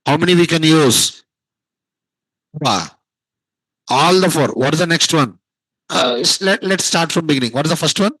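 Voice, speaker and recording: A man's voice: fairly high pitch, expressive, moderate pace, pauses often, a bit bright, breathy edge, no echo, rough recording. A man teaching a programming class, quizzing students and repeating key terms. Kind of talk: classroom lecture.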